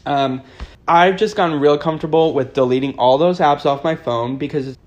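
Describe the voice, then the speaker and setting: A man's voice: a little high, moderate pace, highs cut off. A young man co-hosting a podcast in casual chat, rambling with restarts and quoted asides. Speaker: podcast co-host.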